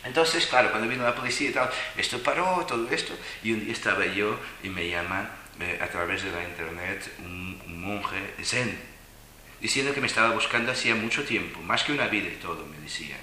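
Animated man telling stories. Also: lowish voice, brisk. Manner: animated, laughing, playful voices when quoting. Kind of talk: storytelling to a live audience. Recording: echoey room, faint noise.

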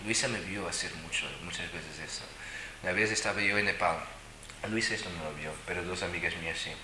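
A man telling personal stories to an audience in an animated, emphatic way, often repeating words for stress. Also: deep voice, fairly quick, echoey room, noisy background.

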